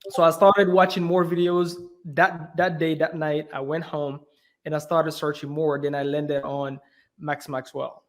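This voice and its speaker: A young Belgian man, a guest in a casual interview, tells his story animatedly, peppering it with "you know" and "right". His voice is fairly high and a little slow.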